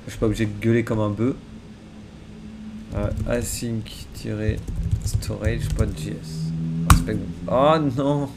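Male streamer, gravelly voice, casual and self-mocking while coding. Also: on the low side, flat delivery, slow, pauses often, loud music behind the voice. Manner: mutters to himself, casual and self-deprecating. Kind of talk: live coding, thinking aloud. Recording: faint keyboard typing behind.

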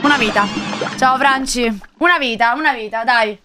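Sicilian-accented woman streamer, higher-pitched voice. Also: normal speed. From Sicily, Italy. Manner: excitable, repetitive, mild swearing. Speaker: live streamer. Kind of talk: casual live game commentary while chatting with viewers. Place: indoor gaming room. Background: game music with drums.

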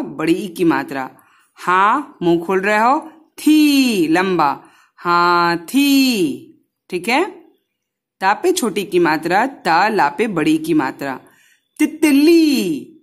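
Her voice is fairly low and slightly bright as she teaches Hindi to small children. Sounding words out one syllable at a time, she often pauses to make sure they understand.

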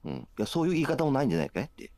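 A man's voice: mid-range voice, sing-song, racing, warm tone, no echo. A man calling in to a livestream, arguing insistently and repeating himself in regional dialect. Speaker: caller. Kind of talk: heated livestream argument.

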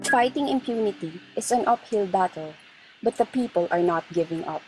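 A woman from the Philippines narrating a documentary voice-over in a steady, serious manner. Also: mid-range voice, moderate pace, faint music behind, poor audio.

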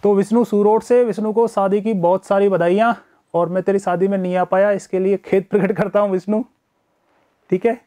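Brief: male tutor, very high voice, casual live-class delivery. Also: fairly even intonation, brisk, warm tone. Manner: chatty, greets viewers by name; acts out students' excuses in first person. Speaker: teacher. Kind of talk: live online exam-prep lecture.

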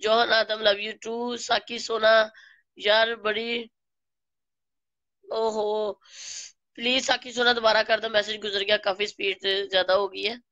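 A woman with a Pakistani Urdu accent, slightly hoarse from a flu, slowly greeting live stream viewers by name and teasing them. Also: a little high, flat delivery, a bit bright, dry recording, dull audio. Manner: slow, greets viewers by name, playful scolding. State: hoarse from a flu and sore throat.

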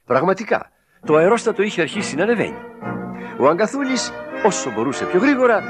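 Lively man reading a children's story. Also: high voice. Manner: expressive, dramatic storytelling with voiced exclamations. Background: background music.

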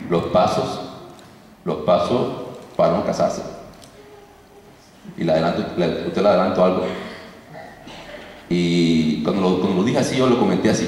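A man's voice: sits low, darkish tone, a little hiss or hum. A man preaching on deliverance in a loose, conversational way, repeating himself and often saying "ok". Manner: loose, repetitive, peppered with "ok". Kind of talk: conversational sermon. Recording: echoey hall, distant mic.

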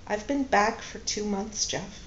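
A woman's voice: mid-range voice, unhurried, a little hiss or hum, natural voice. A woman reading a novel aloud, voicing a restrained, grieving woman character in an echoey, slightly dull recording. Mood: restrained, sorrowful. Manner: quiet, restrained, tearful at times. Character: grieving, composed woman in her thirties. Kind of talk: audiobook-style read-aloud dialogue.

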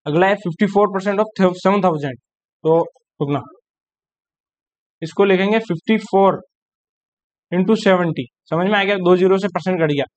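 A man's voice: sits high, dull audio. A man teaching an exam-prep math lesson, working sums aloud and often checking whether students follow. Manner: quick mental arithmetic aloud, frequent checking questions. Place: online class recording.

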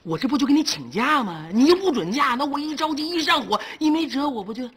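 A desperate cook locked up for faking madness, whining and wheedling to be let out. His voice runs high and bright with big swoops, in a sitcom with music behind the scene. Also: animated, fast talker. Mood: explaining. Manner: whiny, pleading and wheedling. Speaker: inn cook. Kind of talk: sitcom acting.

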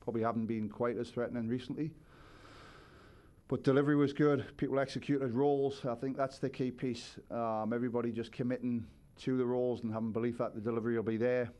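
Seated behind a table microphone on a stand, a man in his forties who works as head coach answers postgame questions thoughtfully. He speaks fast, in a mellow, mid-range voice with fairly even intonation.

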